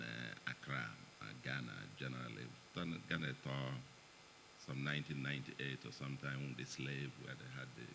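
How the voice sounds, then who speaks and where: A middle-aged man with a Nigerian accent and a rumbling low, bright, forceful voice addresses an audience in an event hall as a guest speaker at an economic forum. His partly read speech is chatty, with joking asides and chuckles between remarks, over a slight hiss or hum.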